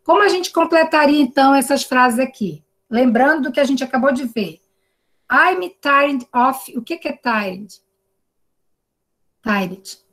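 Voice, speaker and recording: A woman's voice: sits high, lively intonation, unhurried, fairly bright tone. A woman with a Brazilian Portuguese accent teaching an online class over a video call, explaining patiently and often checking in with tag questions. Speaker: English teacher.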